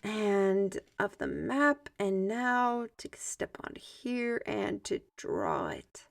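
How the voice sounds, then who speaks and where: Voicing a lively, theatrical painter-mage with a magic brush who mentors by telling stories, a woman speaks extremely slowly in a heavily acted, mid-range voice with vocal fry, busily muttering. Her formal, old-world wording stays expressive, laced with sighs and asides to herself, in this ASMR fantasy audio roleplay.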